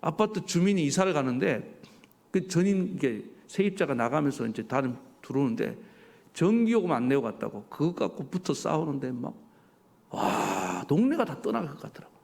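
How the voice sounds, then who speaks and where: A male pastor delivering a sermon, animated and full of rhetorical questions to his congregation. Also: fairly high pitch, fairly quick, gravelly. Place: church sanctuary. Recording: church hall reverb.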